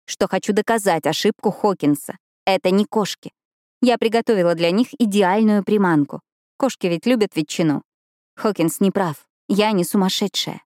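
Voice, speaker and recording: A woman's voice: lowish voice, normal speed, a little mellow, dry recording, clean studio sound, close to an everyday voice. A woman reading a stubborn anxious teenage girl. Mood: insistent. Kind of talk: audiobook dialogue reading.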